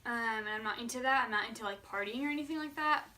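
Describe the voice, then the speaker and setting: Bright, high-voiced young woman chatting candidly. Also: quick pace. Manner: candid, informal, filler-heavy with frequent "like". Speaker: vlogger answering viewer questions. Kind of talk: casual chat to camera.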